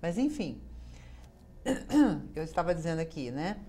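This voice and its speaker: A woman's voice: on the low side, lively intonation, normal speed, a little mellow. A woman with a Brazilian accent hosting a TV advice program, talking conversationally and ending many phrases with a tag question. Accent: Brazilian Portuguese. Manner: conversational, constant tag questions, acts out quoted voices. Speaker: TV program host. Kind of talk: monologue on emotional advice.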